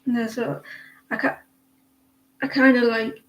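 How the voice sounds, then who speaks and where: Speaking slowly and flatly, a woman in her forties with a northeast English accent rambles her way through a casual tarot reading, often restarting and using fillers. She's from northeast England, and her voice is a little high and a bit bright, though the recording quality is low.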